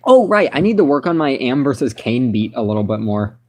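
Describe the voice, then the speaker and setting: A man chatting casually with a friend, halting and trailing off with fillers. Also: mid-range voice, very animated, a little mellow. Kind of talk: casual chat.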